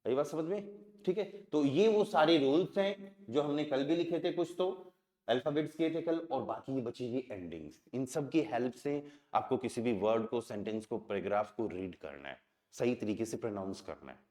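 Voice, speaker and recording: A man's voice: mid-range voice, normal speed, warm tone, roomy sound. A man with an Indian accent teaching a language class. He keeps asking the students questions and answering them himself. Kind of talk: classroom lesson.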